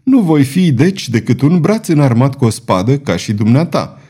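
Un bărbat care dă glas unui spadasin mândru și batjocoritor, guvernator de fortăreață, vorbind lăudăros și cu ton ridicat, provocator. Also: male voice, medium pitch, big pitch swings, mellow, breathy edge. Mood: boastful. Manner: boastful, taunting, triumphant. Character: proud, mocking adult male swordsman, fortress governor.

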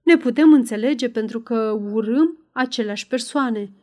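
A woman's voice: a little high, a little mellow, lightly acted. A woman voicing a hot-tempered young male cavalier in an audiobook, urgent and demanding. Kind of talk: audiobook character voice.

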